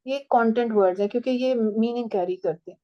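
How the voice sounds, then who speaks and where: A woman's voice: a little high, brisk, muffled recording. A woman teaching a writing and language class, explaining step by step and checking that her students follow.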